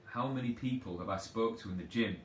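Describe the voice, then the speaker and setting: Rambling trainer, echoey room. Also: male voice, fairly low pitch, fairly quick. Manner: rambling, chatty and self-deprecating. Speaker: personal trainer. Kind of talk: casual live Q&A advice. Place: at home on a sofa. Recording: echoey room, distant from mic, faint background noise.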